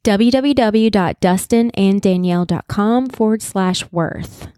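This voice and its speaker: A woman's voice: mid-range voice, measured pace, mellow, smooth, dry recording, clean studio sound. A woman co-hosting a casual podcast, upbeat and chatty, who also reads a legal disclaimer. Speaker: podcast co-host.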